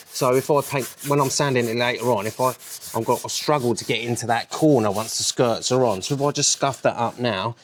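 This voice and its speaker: A man talking through his car build in a casual workshop vlog, rambling and frank, swearing when things go wrong. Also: on the low side. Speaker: car builder filming his own project.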